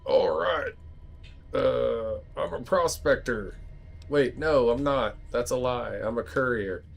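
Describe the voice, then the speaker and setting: A man's voice: mid-range voice, animated, slow, vocal fry. An American man giving casual, rambling gameplay commentary with joking asides. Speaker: let's play host.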